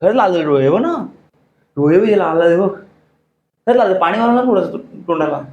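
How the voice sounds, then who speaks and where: A man's voice: sits high, animated, brisk, a little mellow, muffled recording. A young man vlogging a casual family chat with his wife, chatty and teasing, often repeating his words. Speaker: vlogger husband.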